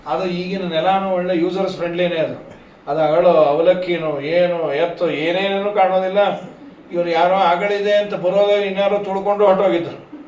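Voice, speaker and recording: A man's voice: sits high, steady tone, moderate pace, darkish tone. A man giving a humorous devotional discourse and telling stories. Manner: humorous, chatty, sings verses. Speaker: religious discourse speaker. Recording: echoey hall, distant mic, faint noise.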